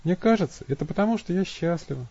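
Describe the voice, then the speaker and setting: A man's voice: high voice, lively intonation, fast, mellow, breathy edge, lo-fi sound, voice pushed up, heavily acted. A man voicing a simple, stubborn young woman who pleads in a raised, plaintive voice in an audiobook.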